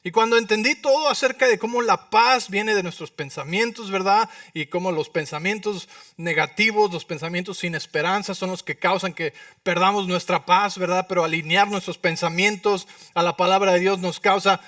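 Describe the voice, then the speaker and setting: Animated man preaching with a bright voice. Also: high voice, moderate pace, few pauses, no room sound, clean studio sound, far from the mic. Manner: animated preaching, acting out prayers and dialogue with sudden loud outbursts; asks the congregation for agreement with frequent rhetorical questions. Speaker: pastor. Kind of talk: sermon. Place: church.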